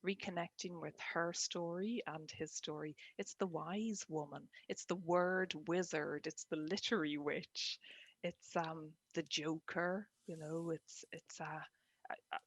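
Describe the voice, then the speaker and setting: An Irish-accented woman telling her own story reflectively in an interview, with a lilting, expressive storyteller's delivery. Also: low voice, measured pace, slightly rough, no echo. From Ireland. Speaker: guest, poet and storyteller.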